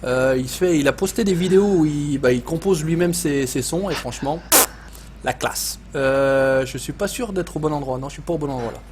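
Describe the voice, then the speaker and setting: A man's voice: on the high side, a little fast, noisy background. A man with a Savoyard French accent hosting a casual live gaming stream, swearing often, joking and reading chat messages aloud.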